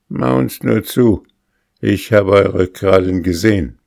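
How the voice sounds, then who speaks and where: A man reads a classic tale aloud at an unhurried, measured pace. His voice sits very low. The recording is dry and close, with no room echo. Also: darkish tone. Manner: measured, deliberate storytelling. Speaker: narrator. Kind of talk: audiobook reading of a classic tale.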